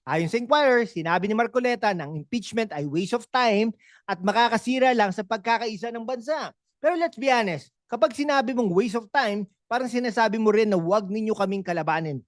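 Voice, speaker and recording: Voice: medium pitch, brisk, no room sound, studio quality. A host with a Filipino accent giving political commentary on a vlog, sarcastic and full of rhetorical questions and tag questions. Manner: conversational, with frequent tag questions.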